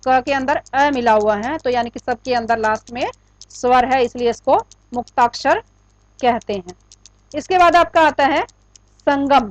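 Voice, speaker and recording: High-voiced woman teaching grammar. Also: no echo, low-quality recording. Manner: explains patiently, asks questions then answers them. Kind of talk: classroom-style grammar lesson.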